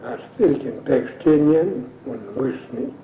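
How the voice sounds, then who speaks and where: Slow, halting man answering questions. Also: a little high, big pitch swings, gravelly. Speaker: language informant. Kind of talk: elicitation interview. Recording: echoey, dull old field recording with faint hiss.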